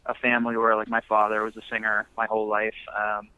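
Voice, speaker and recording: A young man, a musician guest, chats casually in a phone interview, wandering along with lots of filler words. He speaks fast and completely flat, his lowish voice sharp yet clear and resonant, with no room sound despite the muffled line.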